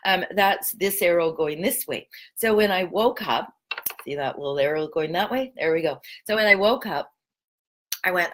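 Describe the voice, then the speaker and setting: A middle-aged woman spiritual coach with a Pacific Northwest American accent, talking in a gentle, chatty vlog style with guided breathing. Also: lowish voice, a little hiss or hum. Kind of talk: casual spiritual vlog talk.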